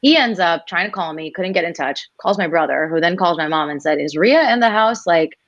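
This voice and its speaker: A woman in her twenties, a singer appearing as an interview guest, tells her story in a slightly low voice, a little fast and animated, slipping into quoted voices for other people. The recording is dry, close and dull, with no room sound or echo.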